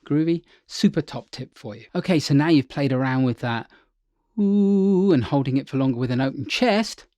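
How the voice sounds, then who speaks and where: Guy vocal coach, upbeat and chatty, mellow tone, mid pitch. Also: normal speed, no room sound. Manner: upbeat, chatty teacher with slang check-ins. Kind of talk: singing lesson.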